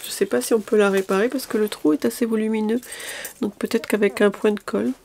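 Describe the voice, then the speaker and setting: A woman's voice: medium pitch, steady tone, quick pace, creaky, a little mellow, slight background noise. A woman chatting casually through a shopping haul video, a little tired, hesitant, with many fillers and restarts. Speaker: lifestyle vlogger.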